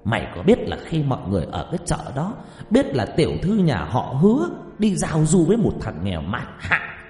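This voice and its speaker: A man voicing a wealthy, hot-tempered old landlord father who scolds and shouts harshly. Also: lowish voice, very animated, quick pace. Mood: furious. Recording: echoey reverb, faint music behind.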